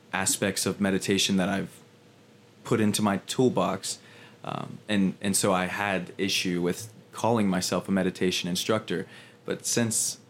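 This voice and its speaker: A man co-hosting a podcast who also teaches meditation, talking in a relaxed, halting way. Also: low voice, slight background noise. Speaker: podcast co-host and meditation instructor. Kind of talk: casual podcast chat.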